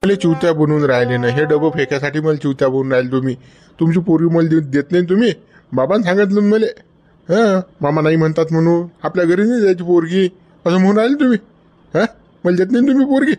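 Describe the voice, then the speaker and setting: A man's voice: fairly high pitch, lightly acted. A man playing a hot-headed young village farmer. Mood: angry. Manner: loud, rapid, quarrelsome, keeps demanding "huh?". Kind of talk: village comedy skit.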